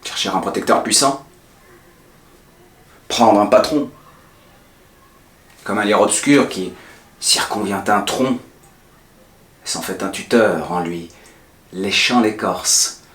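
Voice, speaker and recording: A proud male poet-swordsman, declaims scornful verse in grand, hammy theatrical style. His delivery is slow and deliberate, with big swings in force. The room rings with echo around him. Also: fairly low pitch, fairly bright tone. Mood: scornful, restrained. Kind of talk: theatrical French verse monologue. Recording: echoey, roomy sound.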